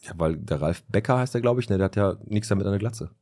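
Fast-talking man, chatty. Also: sits low, animated, darkish tone. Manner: laughs often, tells anecdotes acting out voices. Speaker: podcast co-host. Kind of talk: casual chat.

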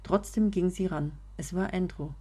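A woman narrating a serialized story in a steady, measured reading voice. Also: lowish voice, husky.

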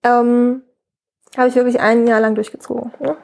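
Thirties woman, interview guest, high-ish voice, open and rambling, lots of restarts and tag questions. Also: little pitch movement, moderate pace, gravelly, a little mellow. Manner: candid, frequent "ne?" tags, many restarts. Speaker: guest, mother of a colicky baby. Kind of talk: casual interview conversation.

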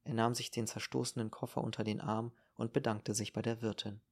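A man reading an audiobook in a calm, measured narration. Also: on the low side, creaky. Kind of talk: scripted narration.

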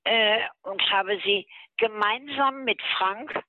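A woman's voice: mid-range voice, slow pace. An older woman telling a story in a blunt, chatty way as an interview guest, with lots of fillers and little tag questions. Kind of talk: recounting memories in a podcast interview. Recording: tinny phone line, dry.

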